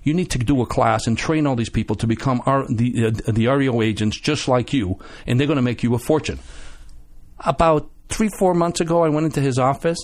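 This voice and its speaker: A man guest on a radio show, telling animated stories with many restarts and acted-out quotes. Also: mid-range voice, fairly quick. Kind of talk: casual storytelling chat.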